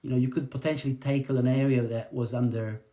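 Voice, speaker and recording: A man hosting a podcast, reading a polished introduction in a measured way and then asking interview questions. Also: mid-range voice, level tone, dark tone. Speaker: podcast host.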